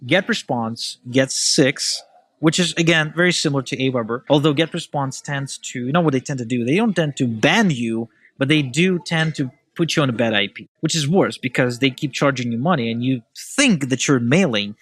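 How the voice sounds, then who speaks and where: A man from Ukraine, a guest in a casual podcast conversation, talking in animated, opinionated bursts. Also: mid-range voice, normal speed, breathy edge, no echo. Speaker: podcast guest, email marketer.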